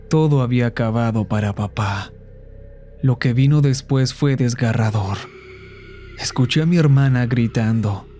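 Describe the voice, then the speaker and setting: A man narrating a horror story in a slow, somber storytelling manner. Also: medium pitch, dark tone.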